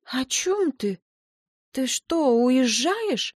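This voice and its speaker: A woman's voice: high voice, big pitch swings, extremely slow, no room sound, clean studio sound, pitched above the performer's own voice, heavily acted. Woman voicing an indignant young girlfriend.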